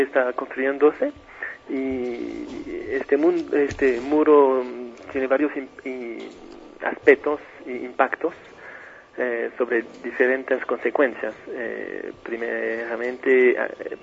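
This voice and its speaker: A man being interviewed as an aid mission administrator, speaking haltingly with many fillers and restarts. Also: mid-range voice, creaky. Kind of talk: phone interview. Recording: tinny phone line with faint hiss.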